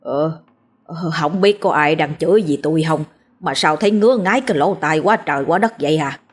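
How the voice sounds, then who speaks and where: A woman's voice: low-pitched, brisk, husky. A woman voicing a tired, self-pitying drunken old village man with slurred speech. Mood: weary.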